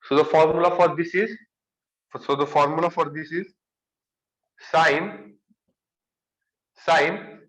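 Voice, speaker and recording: A man's voice: fairly high pitch, a bit bright, roomy sound, poor audio. A young man with a Marathi accent giving an exam-prep lecture, repeating key phrases and stressing words. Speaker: engineering lecturer.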